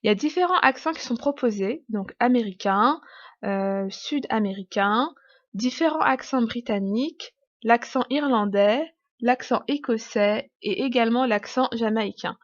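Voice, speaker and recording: A woman's voice: a little high, a little slow, dry recording, lo-fi sound. A woman giving an online English lesson, explaining step by step with frequent fillers and restarts. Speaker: English teacher.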